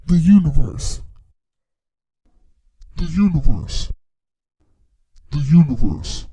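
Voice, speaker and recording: A man's short spoken phrase played back as a formant-shifted, warped vocal sample, said slowly and drawn out. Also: fairly high pitch, big pitch swings, dark tone, dry recording, pitched below the performer's own voice, full character voice. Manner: slow, drawn-out single phrase. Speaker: music production tutor.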